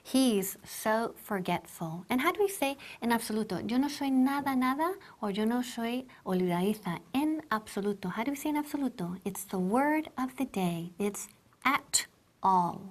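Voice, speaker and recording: A woman teaching English to Spanish speakers, switching between both languages and repeating words slowly so learners can copy them. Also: on the high side, expressive.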